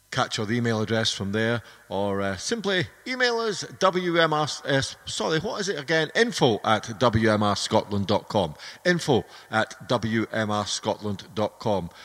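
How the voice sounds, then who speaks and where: A man's voice: medium pitch, fairly bright tone, in a large hall. A man presenting a music programme as a radio DJ in a chatty, rambling way with many fillers, heard over fading shortwave radio reception.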